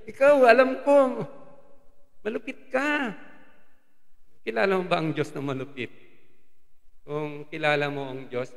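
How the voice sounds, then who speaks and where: Gravelly-voiced Filipino man preaching in a hall. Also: on the high side. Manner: mixes English phrases into Tagalog preaching, animated. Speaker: lay preacher. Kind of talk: sermon. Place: church hall. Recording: long hall reverb.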